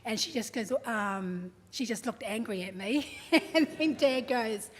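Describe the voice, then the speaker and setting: A woman's voice: on the high side, animated, a little slow. A woman, giving a chatty, humorous eulogy for her father and acting out what he said. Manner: chatty, humorous storytelling, acts out quotes. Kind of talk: eulogy at a family service. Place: large hall at a memorial service. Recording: echoey hall, faint background noise.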